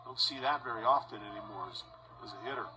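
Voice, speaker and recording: A man announcing live baseball play-by-play in a measured voice that rises on big plays. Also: fairly low pitch, poor audio. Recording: broadcast with steady background noise.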